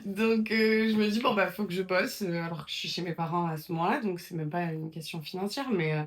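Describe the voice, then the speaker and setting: A chatty woman telling her story in a relaxed interview, with a slightly low voice. She talks in a loose, conversational way, full of fillers and restarts. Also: fairly quick. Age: 20s. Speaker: guest. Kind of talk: casual interview chat.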